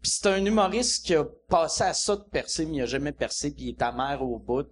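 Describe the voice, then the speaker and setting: A man with a Quebec French accent hosts a casual comedy podcast, his voice pitched high and swinging widely up and down. He rambles and teases his guests with quick jokey asides. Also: lively intonation. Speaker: podcast host.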